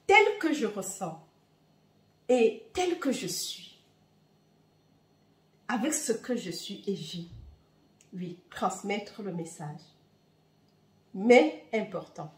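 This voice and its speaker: Woman host with a Bamileke accent, slow, fervent spiritual talk, roomy echo. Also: mid-range voice. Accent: Bamileke-accented French. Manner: warm, fervent, with hesitant fillers. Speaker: spiritual reader and channel host. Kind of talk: heartfelt spiritual talk to viewers.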